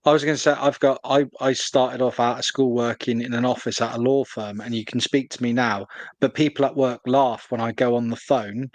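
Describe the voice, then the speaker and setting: A man chats bluntly and jokily on a livestream. His voice sits at a middling pitch and sounds dry, with no room around it. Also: steady tone, fairly quick, dry recording. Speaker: livestream guest. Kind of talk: casual chat.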